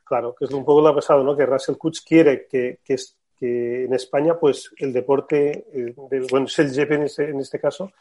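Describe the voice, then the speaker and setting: A man's voice: mid-range voice, steady tone, moderate pace, few pauses, dark tone. A man hosting a sailing podcast, asking questions and thanking his guest. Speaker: podcast host. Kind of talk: interview hosting.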